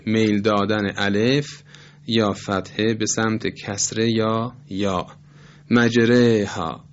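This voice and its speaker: Measured man teaching recitation rules. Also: medium pitch, highs cut off. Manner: measured and explanatory, with polite formal phrasing and slow demonstrations of words. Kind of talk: formal lecture on tajwid rules.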